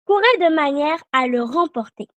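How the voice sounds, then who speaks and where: A woman's voice: high voice, lively intonation, a bit bright, no echo. A woman preaching a meditation to a children's prayer service, leading the group in repeating a verse. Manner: slow, deliberate, leads call-and-response repetition. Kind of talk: sermon.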